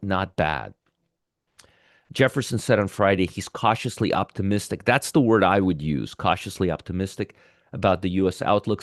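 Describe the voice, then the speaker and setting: A man's voice: deep voice, no room sound, studio quality. A man hosting a live market commentary show, feeling sick with a sore throat, explaining conversationally and repeating his points. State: under the weather, sore throat. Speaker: host of a live pre-market trading show.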